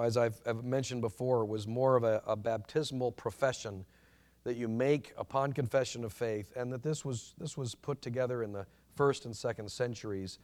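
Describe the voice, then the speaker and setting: A man teaching a church history class in an informal lecture, earnest and halting, with many restarts and fillers. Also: mid-range voice, a little mellow.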